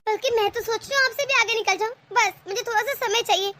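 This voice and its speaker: A woman's voice: very high-pitched, fast, sharp tone, slight background noise. A woman voicing a clever young daughter-in-law in a cartoon, sweetly polite but cheeky. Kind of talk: animated cartoon voice acting.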